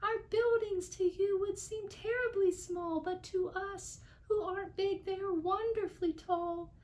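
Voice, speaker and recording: A woman's voice: very high voice, steady tone, unhurried, a little mellow, voice pushed up. A woman voicing a tiny, friendly, grateful creature mayor in a storybook, with a piping, earnest delivery. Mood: friendly, proud.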